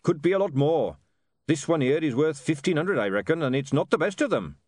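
A man voicing a gruff dwarf leader who talks briskly while appraising gems. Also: a little high, animated, darkish tone, dry recording, clean studio sound, voice pushed up.

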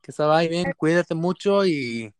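A man with a Mexican accent chatting casually as a podcast guest in halting Spanglish, often repeating words as he searches for the next one. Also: a little high, animated, clean tone, dry recording. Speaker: podcast guest, boxer and musician. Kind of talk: casual bilingual podcast chat.

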